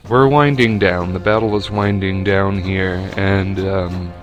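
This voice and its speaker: A young man with a lowish voice talks his way through a game battle at a slow, easy pace. He rambles and restarts his sentences, with plenty of ums along the way. Faint music plays underneath. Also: fairly even intonation, lo-fi sound. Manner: rambling and unhurried, with many fillers and restarts. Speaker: video game player. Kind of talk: casual commentary over a game battle.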